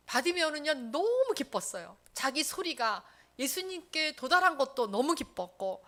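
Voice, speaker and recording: A woman's voice: on the high side, fairly bright tone. A woman pastor preaching a Sunday sermon, telling the story vividly, speaking to the congregation and acting out what the crowd says. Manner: acts out the crowd's lines in quotes.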